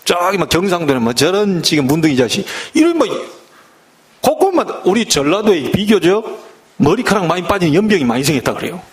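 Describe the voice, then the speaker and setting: A man's voice: sits high, very animated, a little fast. A middle-aged man with a Jeolla Korean accent preaching a sermon as pastor, acting out other people's voices and mock curses as he goes.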